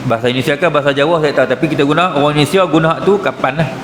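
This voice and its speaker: A man with a northern Malay Kedah accent speaks very fast in a fairly high voice, giving a colloquial, explanatory mosque lecture as an Islamic teacher and often checking in with short questions. The recording comes from a mosque hall, echoey and reverberant, with noticeable background noise.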